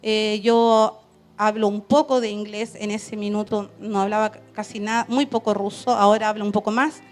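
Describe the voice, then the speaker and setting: A woman missionary, telling her story to a church in a lively way, with laughs and acted quotes. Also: mid-range voice, moderate pace. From Chile. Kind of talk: testimony in a church service.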